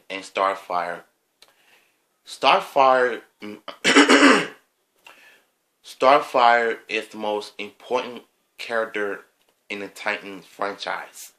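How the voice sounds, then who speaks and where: Slow, hesitant man with a bright voice. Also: lowish voice. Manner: slow, hesitant, with frequent ums and throat clearing. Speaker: vlogger. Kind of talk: opinion vlog monologue.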